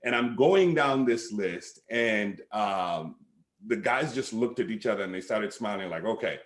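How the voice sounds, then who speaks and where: Middle-aged man, from Sierra Leone, pastor, lower voice, relaxed storyteller, echoey living room call. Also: unhurried. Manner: relaxed, many fillers, personal anecdote. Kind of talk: casual storytelling on a video call. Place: living room at home, indoors. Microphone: webcam on a video call. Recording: roomy home video call.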